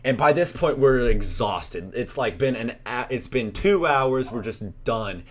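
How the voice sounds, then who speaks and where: A man's voice: medium pitch, expressive, unhurried, slight background noise. A young man casually telling a story, rambling with lots of "like" and restarts. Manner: rambling, heavy use of "like" and restarts.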